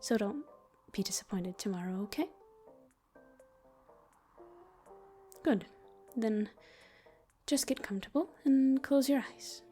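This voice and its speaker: A woman voicing a gentle, protective, teasing female demon in an ASMR comfort roleplay, speaking soothingly, intimately and unhurriedly, at times in a whisper. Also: on the high side, animated, normal speed, soft background music, natural voice. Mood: hushed, protective.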